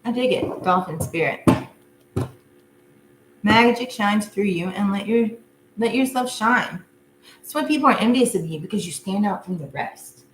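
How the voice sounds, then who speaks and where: A woman's voice: mid-range voice, animated, moderate pace, pauses often. Chatty woman reading tarot live. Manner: chatty, casual, laughs often and talks to viewers. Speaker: tarot reader. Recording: echoey room with faint noise.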